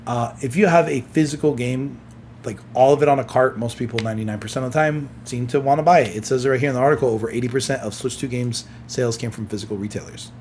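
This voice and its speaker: Male streamer, mid-pitch, drowsy and yawning, reads news aloud and reacts casually; faint hum of room ambience behind. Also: fast talker, a little mellow. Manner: chatty, reacts with exclamations between read-out passages. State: sleepy, yawning. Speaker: gaming streamer. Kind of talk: reading articles aloud with casual commentary.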